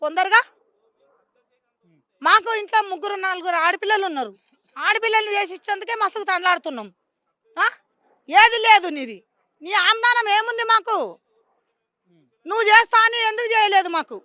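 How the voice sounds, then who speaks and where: A woman's voice: extremely high pitch, brisk, pauses often, sharp tone, no echo, clean studio sound. A woman with a Telangana Telugu accent, a local resident speaking in a street interview. She pleads with passion and repeats herself.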